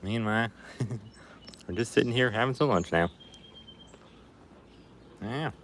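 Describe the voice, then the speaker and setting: Speaking a little fast in a lowish, fairly bright voice, with a bit of hiss or hum on the audio, a man reads viewer comments as a livestream host. He chats casually in a backyard, disguising himself with a put-on Appalachian hillbilly accent.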